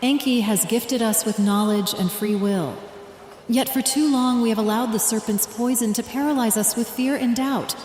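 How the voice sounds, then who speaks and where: A woman with a slightly high, darkish, natural voice acts as a fervent priestly leader urging her people on. Her first-person audio drama narration mixes speeches and prayer, delivered as solemn, deliberate, declamatory oratory in a fervent, resolute mood. The echoing hall adds reverb, and ambient noise sits behind her.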